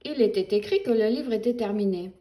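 A woman reading a children's book aloud in a playful, animated storytelling voice with sound effects. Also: mid-range voice, a little fast. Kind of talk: expressive read-aloud for children.

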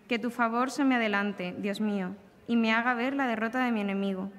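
A woman serving as lector at Mass, reading scripture and a psalm in a measured, solemn way, her voice carried by a long, church-like reverb. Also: fairly high pitch, a bit bright. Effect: long cathedral-like reverb. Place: large shrine chapel. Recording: echoey shrine chapel reverb.

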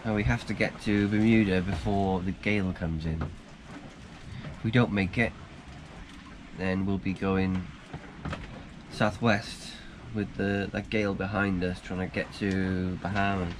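A man's voice: deep voice, fairly even intonation, measured pace. Man vlogging on a boat in wind. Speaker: sailing vlogger. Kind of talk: casual vlog to camera. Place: small sailboat at sea, cabin and deck. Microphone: action camera at arm's length. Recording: loud wind and sea noise. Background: wind and waves.

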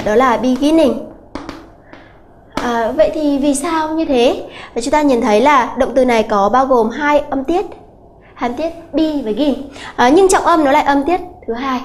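A woman English teacher giving an exam-prep grammar lesson, explaining slowly and repeating key points with many hesitant fillers. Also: high-pitched, slight background noise. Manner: slow, repetitive explaining with many filler "à" sounds.

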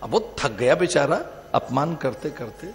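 High-voiced man preaching in a hall. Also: expressive, a little slow, vocal fry. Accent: Hindi, north Indian. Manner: emphatic, repetitive lists, rising and falling delivery. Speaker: spiritual teacher giving a discourse. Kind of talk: Hindi religious discourse. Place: large venue. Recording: reverberant hall with faint music.

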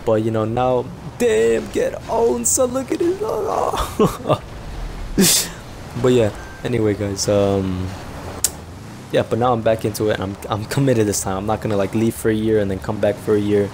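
A young man giving casual, rambling commentary over a video game, chatting to viewers and breaking into excited yelps and laughs. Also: fairly low pitch, a little fast, a little hiss or hum. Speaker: gaming YouTuber.

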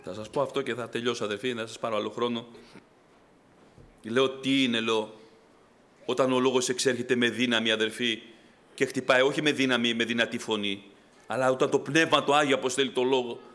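A middle-aged man preaching a fervent Pentecostal sermon, swinging from loud exhortation to quiet storytelling. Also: medium pitch, fairly even intonation. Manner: fervent preaching, rising loud then dropping to soft storytelling. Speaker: pastor.

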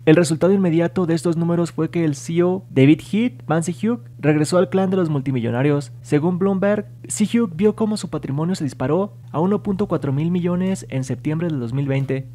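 A man reading scripted entertainment news in Spanish-language narration with an even, read-aloud delivery. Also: on the high side, a little hiss or hum. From Spanish-speaking.

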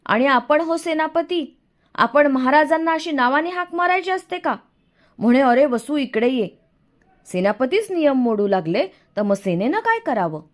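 A woman voicing a bossy boy who plays a royal minister in a children's game, loud and mock-formal in a storybook reading. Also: high voice, very animated, moderate pace, pitched above the performer's own voice. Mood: teasing.

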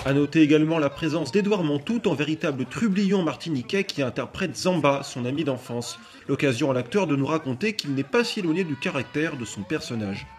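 Higher-voiced male narrator, promotional voice-over. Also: lively intonation, a little fast, soft background music. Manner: smooth, promotional read.

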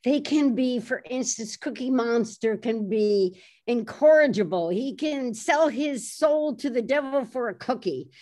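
Animated woman telling stories. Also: fairly high pitch, measured pace, hardly any pauses. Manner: animated, lively storyteller, laughs easily. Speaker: author being interviewed. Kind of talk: anecdotal storytelling in conversation.

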